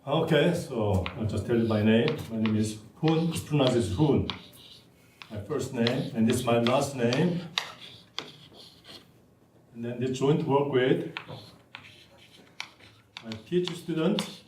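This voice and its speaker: In a seminar room, a native Korean-speaking man gives an informal academic talk, chatty and repeating words as he writes on the board. His medium-pitched voice is slow with frequent pauses, picked up by a distant room mic amid background noise and echo.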